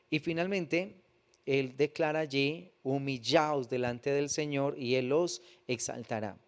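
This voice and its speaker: A man delivers a church sermon in a mid-pitched voice. He reads scripture aloud, then breaks it down earnestly and checks in with the congregation through rhetorical questions. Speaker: pastor.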